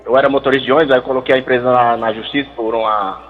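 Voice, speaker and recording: Husky man calling in by phone. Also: mid-range voice, fairly even intonation. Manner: halting, repeats words. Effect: over the phone. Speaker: caller, former bus driver. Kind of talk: radio call-in question. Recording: dull phone audio with long reverb.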